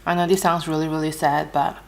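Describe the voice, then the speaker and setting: An Australian woman chatting casually while she eats, relaxed and unhurried, pausing between bites with soft hums. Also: deep voice, a little hiss or hum. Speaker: mukbang vlogger. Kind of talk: casual chat while eating.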